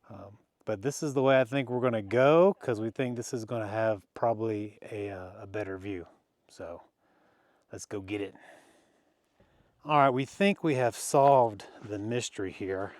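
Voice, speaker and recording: A hiking vlogger with a fairly low voice narrates casually while walking a desert canyon trail outdoors. He's relaxed and chatty, with frequent fillers and small laughs, and the sound is clean studio quality with no room echo.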